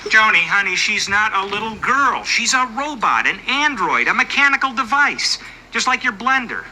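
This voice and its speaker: An actor playing a flustered suburban dad who keeps backpedaling nervously in a sitcom. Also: male voice, sits high, very animated, moderate pace, sharp tone, slight background noise, full character voice, rough recording. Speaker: father and husband. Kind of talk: sitcom acting.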